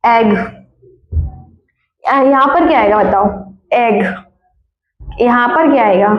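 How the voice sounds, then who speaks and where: Woman teacher, high voice, repetitive quizzing style, echoey lo-fi room recording. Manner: repeats words and keeps asking students questions; corrects her own slips with quick apologies. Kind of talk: classroom grammar lesson. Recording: echoey room, dull lo-fi sound.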